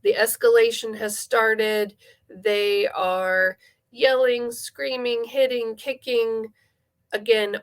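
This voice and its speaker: A middle-aged woman play therapist giving calm, instructive parenting advice, repeating key phrases for emphasis. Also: medium pitch, creaky. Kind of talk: instructive parenting talk to camera.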